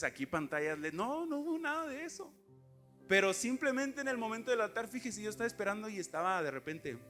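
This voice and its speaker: A man preaches a sermon in a church, his voice sitting notably high for a man. He talks in an emphatic, conversational way, firing rhetorical questions and turning aside to address the congregation. Soft music plays faintly behind him. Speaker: lay preacher. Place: church sanctuary.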